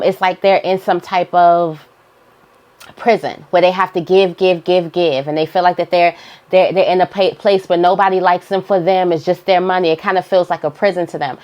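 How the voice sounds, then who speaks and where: A woman giving an informal, motivational spiritual monologue, repeating phrases for emphasis as she guides listeners. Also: fairly low pitch. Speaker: spiritual guidance host.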